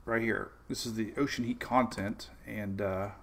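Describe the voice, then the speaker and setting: A man's voice: fairly low pitch, steady tone, normal speed, fairly bright tone, slight background noise. A man hosting a live weather stream, chatting loosely about the tropics, greeting viewers by name and laughing often. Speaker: weather show host. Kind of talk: live-streamed weather talk reading chat.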